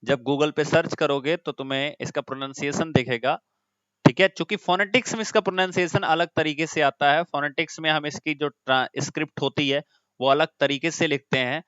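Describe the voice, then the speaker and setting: A man's voice: a little high, a bit bright, no room sound, lo-fi sound. A man teaching an online class, explaining step by step and often putting questions to his students.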